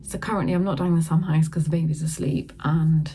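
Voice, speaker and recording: A middle-aged woman chatting through a casual yarn haul, filmed on her phone at home and sometimes talking softly so a sleeping baby stays asleep. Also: deep voice, fairly even intonation, brisk, slightly rough. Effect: filmed on a phone camera. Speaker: craft vlogger.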